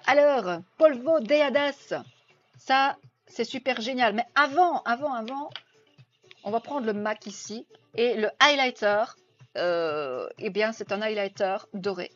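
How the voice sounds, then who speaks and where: A woman's voice: fairly high pitch, a little slow, fairly bright tone. A woman from Belgium with a Belgian French accent chatting on a live stream, reading viewer comments aloud and answering them. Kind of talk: casual live-stream chat. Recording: dull lo-fi sound with faint music.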